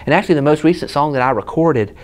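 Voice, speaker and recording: His pitch sits fairly high and his pace is quick as this thirtysomething South Carolina man, Southern accent and all, chats through a casual gear demo. Indoors in a guitar shop lined with hanging guitars, he tells stories and explains the instrument hands-on.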